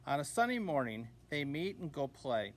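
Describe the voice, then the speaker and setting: A man reading a children's picture book aloud as a teacher, gently and expressively, giving the dogs little voices. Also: fairly high pitch, sing-song, normal speed. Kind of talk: children's storybook read-aloud.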